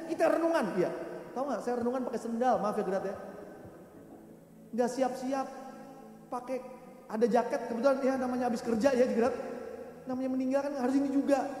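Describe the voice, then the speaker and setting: High-voiced pastor in an echoey hall. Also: male voice. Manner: lively storytelling with quoted voices and laughter. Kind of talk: sermon. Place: large church hall.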